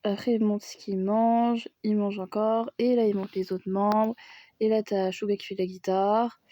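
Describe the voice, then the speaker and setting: A teenage girl, a little sick, giving a casual and excitable voice-over on a video, full of fillers and gasps of delight. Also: mid-range voice, moderate pace. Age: teens. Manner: gushing, excitable, many fillers and "waouh" exclamations. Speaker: fan commentator.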